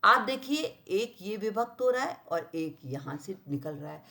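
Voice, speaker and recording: A woman's voice: medium pitch, very animated, bright, forceful tone. A woman teacher explaining grammar to children at the board, spelling out each word and often asking if they follow. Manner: keeps checking understanding with "clear?" and "right?"; repeats and spells out words slowly while writing. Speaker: school teacher. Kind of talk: blackboard grammar lesson for children.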